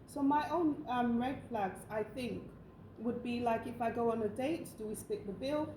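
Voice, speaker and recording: A woman's voice: fairly high pitch, moderate pace. A woman co-hosting a casual chat, talking with frequent fillers. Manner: chatty, many fillers. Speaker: co-host. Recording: echoey room, faint noise.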